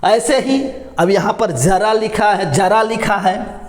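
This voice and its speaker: Slow, echoey Hindi grammar teacher man. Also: sits high. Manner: repeats words, asks and answers own questions. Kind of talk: classroom explanation.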